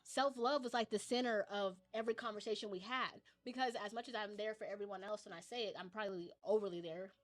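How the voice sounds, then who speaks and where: A woman's voice: mid-range voice, steady tone, fast, hardly any pauses. A woman co-hosting a podcast, a single mother talking earnestly about self-love and relationships, often repeating words. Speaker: podcast co-host. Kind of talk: casual chat.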